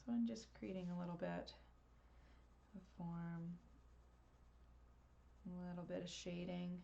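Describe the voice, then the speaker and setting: A woman giving a live colored pencil drawing tutorial over a webcam, chatty and quick to laugh at herself. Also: fairly low pitch, steady tone, vocal fry, dark tone, highs cut off, a little hiss or hum. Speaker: art teacher.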